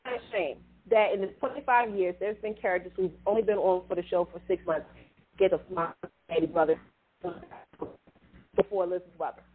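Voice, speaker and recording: A woman's voice: on the low side, steady tone, fairly quick, slightly rough. A woman co-hosting a soap opera podcast over a remote call, emphatic and opinionated, her audio breaking up and cutting out. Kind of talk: casual chat. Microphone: remote call mic held too far away. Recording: tinny, choppy remote call line.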